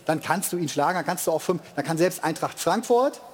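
A man's voice: fairly high pitch, animated, brisk. A man giving opinionated football analysis on a TV panel, emphatic and repeating phrases to make his point. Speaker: TV football pundit.

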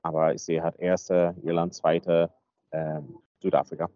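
A man co-hosting a casual podcast chat, rambling with many fillers, heard through a low-quality recording. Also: level tone, a little slow, mellow. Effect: low-quality, muffled recording. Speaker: podcast co-host. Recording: dry muffled lo-fi recording.

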